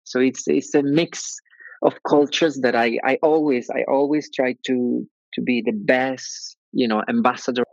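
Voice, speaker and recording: A man's voice: medium pitch, steady tone, unhurried, creaky, dry recording, highs cut off. A middle-aged man from Colombia with a Colombian Spanish accent, speaking hesitantly as an interview guest with many restarts. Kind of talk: podcast interview.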